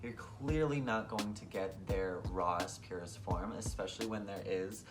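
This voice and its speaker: A man co-hosting a casual chat review, campy and animated, swearing freely as a drag queen. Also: lowish voice, moderate pace, loud music behind the voice. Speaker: podcast co-host, drag queen.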